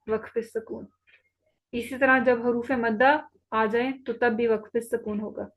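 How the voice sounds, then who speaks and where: A woman's voice: a little high, muffled recording. Patient woman teaching Quran recitation. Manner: patient, repeats rules slowly and checks understanding. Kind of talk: online tajweed lesson. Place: online class.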